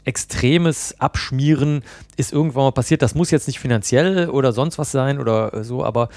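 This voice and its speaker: A man's voice: medium pitch, normal speed, darkish tone, no echo. Man, podcast guest, rambling anecdotal delivery, close dry sound. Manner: chatty, storytelling with many fillers. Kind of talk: casual podcast chat.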